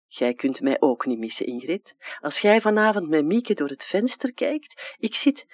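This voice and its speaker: A childlike, wistful dead man with a Flemish accent, as a reader puts him on. His plain dialect talk leaps high and drops low in lively swings. The sound is dry and close, with no room around it. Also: dry recording. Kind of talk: dramatic literary reading.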